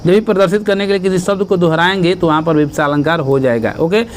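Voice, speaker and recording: A man teaching grammar for exam prep. He explains step by step, reads verse examples slowly and keeps checking in with the students. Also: high voice, a little hiss or hum.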